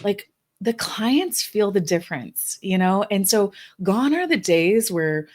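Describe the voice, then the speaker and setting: A woman's voice: medium pitch, big pitch swings, takes it slowly. A woman co-hosting a business podcast, talking casually with frequent "you know" fillers. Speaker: podcast co-host.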